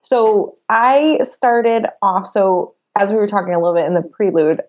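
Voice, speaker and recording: A woman's voice: mid-range voice, normal speed, darkish tone, lo-fi sound. A woman in her thirties from Venezuela, a business coach, talking as a guest in a casual, chatty way and often laughing. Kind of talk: casual interview chat.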